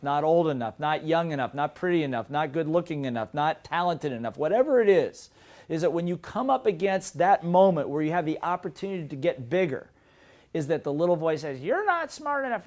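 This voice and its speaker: A middle-aged man delivers a motivational seminar talk in a slightly high voice. He speaks with lively energy and keeps asking his listeners rhetorical questions. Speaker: seminar presenter.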